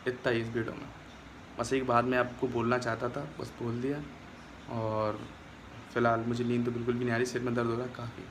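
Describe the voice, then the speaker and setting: A man's voice: medium pitch, level tone, fairly quick, background noise. A young man talking straight to his phone camera in a casual vlog, aggrieved and complaining as he retells a quarrel. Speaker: vlogger.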